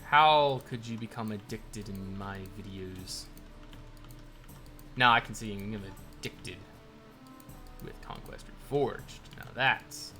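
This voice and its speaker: A man hosting a live stream, casually chatting while he builds and answering viewer questions as they come in. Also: fairly low pitch. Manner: thanks followers and answers viewer questions in a relaxed ramble. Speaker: livestream host building in a game. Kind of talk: casual live commentary reading chat. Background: faint game soundtrack music.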